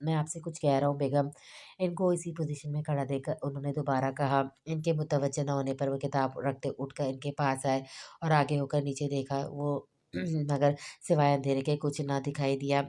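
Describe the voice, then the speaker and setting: A woman narrating a romance novel as an audiobook, in a measured, even storytelling way. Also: rumbling low. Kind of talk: novel reading.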